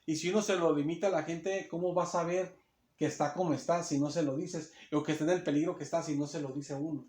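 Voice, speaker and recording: High-voiced man preaching in an echoey church. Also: fairly even intonation, quick pace, darkish tone. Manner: emphatic, acts out quotes, many restarts. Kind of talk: sermon Bible teaching. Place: church hall. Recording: roomy echo.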